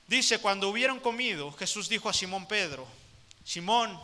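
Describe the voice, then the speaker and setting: A pastor preaches with passion, repeating his phrases and addressing the congregation directly. His voice sits high and sounds very bright. It rings through a reverberant church hall. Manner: impassioned and repetitive, addressing the congregation. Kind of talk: sermon.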